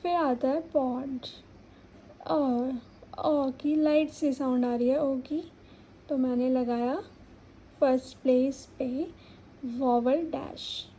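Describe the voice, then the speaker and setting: A woman's voice: sits high, fairly even intonation, slow pace, warm tone, slight background noise, poor audio. A young woman teaching a shorthand lesson, patiently repeating words to sound out each vowel. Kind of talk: explaining a stenography lesson.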